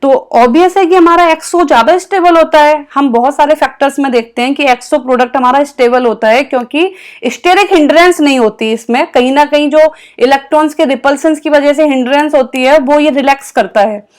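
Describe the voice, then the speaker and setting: A woman's voice: high-pitched, a little fast. A woman teaching a chemistry lecture over slides, explaining step by step and answering her own questions.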